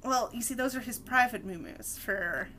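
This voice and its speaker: A woman with a fairly high, bright and forceful voice co-hosts a podcast. She reviews a cartoon episode in casual chat. She sounds animated and enthusiastic, and she leads the conversation. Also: moderate pace, a little hiss or hum. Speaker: podcast co-host.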